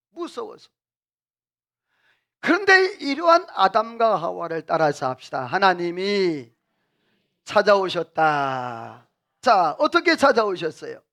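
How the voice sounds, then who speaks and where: Here the middle-aged senior pastor, voice very high and slightly bright, quizzes his congregation in the church sanctuary and has them echo phrases back during his sermon.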